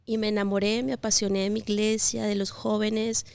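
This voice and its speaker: A woman in her thirties from Colombia, telling her life story as an interview guest in a gentle, reflective way with pauses and fillers. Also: medium pitch, flat delivery, vocal fry, clear, resonant tone, dry recording. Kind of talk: personal testimony interview.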